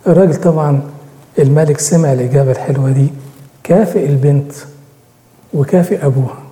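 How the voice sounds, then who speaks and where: A man's voice: fairly high pitch, fast, dark tone. A man with an Egyptian accent telling a story in a sermon, acting out the dialogue. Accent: Egyptian Arabic. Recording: echoey hall with long reverb.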